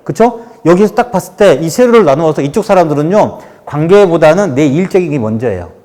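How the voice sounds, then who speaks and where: A man with a somewhat high voice gives a workshop lecture, his pitch swinging widely as he acts out quoted remarks. The sound carries a long reverb from a large lecture hall. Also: expressive, fast talker, dark tone. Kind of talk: lecture on workplace communication.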